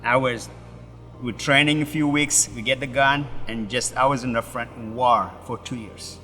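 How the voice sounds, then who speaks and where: Brief: middle-aged Ethiopian-born male pastor, halting and restarting, bright tone, long room reverb under faint music. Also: medium pitch, steady tone. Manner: halting, broken English with many restarts. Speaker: pastor, interview guest. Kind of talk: personal story in an interview.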